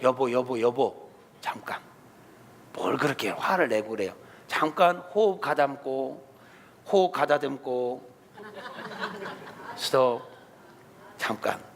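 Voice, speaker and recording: A man voicing a spouse who gently calms an angry partner, in a soft, soothing way. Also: medium pitch, slow pace, pauses often, voice pushed down. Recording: reverberant church hall.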